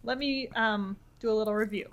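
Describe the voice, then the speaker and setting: A woman's voice: fairly high pitch, steady tone, a little fast. A young woman co-hosting a podcast, teasing and playful as she learns about investing. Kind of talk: casual podcast chat.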